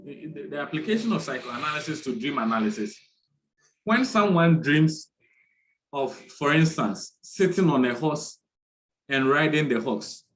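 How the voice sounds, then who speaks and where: Slow, deliberate male lecturer. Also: fairly high pitch, a little hiss or hum, poor audio. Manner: slow, deliberate, repeats key terms. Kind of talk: online lecture.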